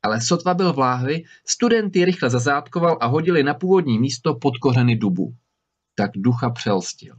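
A man narrating a fairy-tale audiobook in a steady storytelling voice at a middle pitch. He reads in an even, measured way. The recording sounds slightly dull. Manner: steady storytelling, lively in dialogue.

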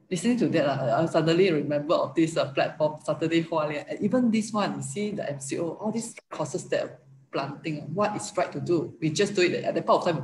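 Woman sharing in an echoey noisy room. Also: low voice. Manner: switches into Mandarin fillers. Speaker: meeting participant. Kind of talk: casual sharing. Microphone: video call. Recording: echoey room with background noise.

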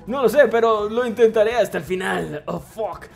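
A man streaming a retro shooter live, excitable and swearing, reading chat messages aloud. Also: high voice, normal speed, creaky. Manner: excitable, swearing, laughing, mixing English slang. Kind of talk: live gameplay commentary.

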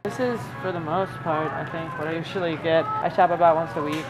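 A man's voice: fairly high pitch, steady tone, fairly quick, very noisy. A man in his twenties chatting casually while shopping in a grocery store, thinking aloud with ums as he reads labels, recorded on a handheld camera. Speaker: vlogger. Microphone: handheld camera mic.

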